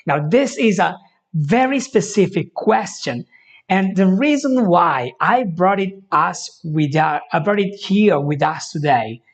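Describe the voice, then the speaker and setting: A high-pitched man, a native Italian speaker with an Italian accent, hosts a live English lesson. He greets viewers warmly by name and repeats his phrases often.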